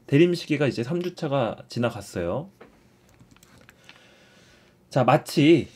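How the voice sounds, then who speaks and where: Man giving a casual catechism lesson. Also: medium pitch. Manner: explains warmly, repeats phrases, often starts with "자".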